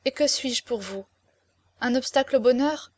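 A woman's voice: sits high, normal speed, dry recording. A woman voicing a tender, pleading young woman in an audiobook, speaking with emotion and imploring tearfulness. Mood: wistful. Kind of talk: audiobook character reading.

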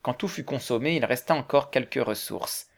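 A man narrating a classic novel in a measured, even reading voice. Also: mid-range voice, vocal fry.

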